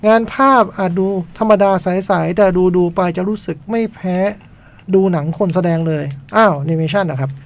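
A man hosting a casual radio show, chatting and teasing his co-host in a relaxed way. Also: sits high, normal speed, creaky. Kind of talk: casual chat.

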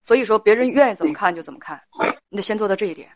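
A woman's voice: medium pitch, lively intonation, racing, a little mellow, no echo, muffled recording. A woman hosting a radio advice show who speaks directly and firmly, cutting in to steer the caller. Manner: direct, firm, cuts in.

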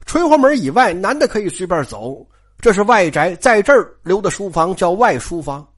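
Chatty, animated storyteller; wide-ranging pitch, audience asides. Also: normal speed, breathy edge. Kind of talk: lively storytelling retelling a classic novel.

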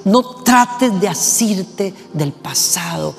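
Impassioned high-voiced male preacher in a hall. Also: lively intonation, creaky. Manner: impassioned, rhetorical questions, slows for emphasis. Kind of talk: sermon. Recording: long reverb with faint music.

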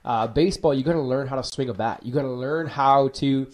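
A man's voice: mid-range voice, a little fast. A young man co-hosting a church podcast in casual chat, upbeat and slangy. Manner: slangy and upbeat, says bro and wicked.

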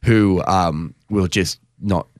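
A man's voice: deep voice, slow pace, a little mellow, dry recording, clean studio sound. A man co-hosting a podcast, chatting casually in a rambling way, often breaking off his sentences for jokey asides. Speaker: podcast co-host. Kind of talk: casual chat.

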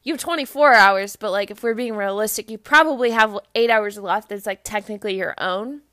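Chatty bright-voiced young woman. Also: medium pitch, fairly quick, dry recording, studio quality. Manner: chatty, fills talk with "like". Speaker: podcast host. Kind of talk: casual motivational talk.

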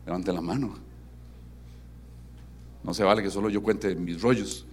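A man preaching a sermon as pastor, animated and interactive, asking his congregation questions and dropping to soft, emphatic tones. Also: sits low, measured pace, a little hiss or hum. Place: church service with congregation.

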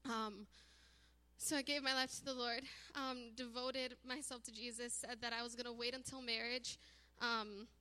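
A woman gives an earnest church testimony, pausing often and leaning on fillers. Her voice is fairly high and bright. It rings out with the long reverb of a large hall. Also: little pitch movement, clean tone. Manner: earnest, halting with frequent fillers. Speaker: church member giving testimony. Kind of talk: personal testimony.

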